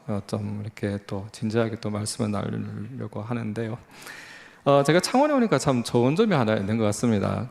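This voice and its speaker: A man's voice: fairly low pitch, vocal fry, darkish tone. A man in his forties with a Busan accent, a lay missionary preaching in church, telling his story in a folksy, self-deprecating way with many fillers and restarts. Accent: Gyeongsang (Busan). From Busan, South Korea. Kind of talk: sermon, conversational testimony. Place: church sanctuary.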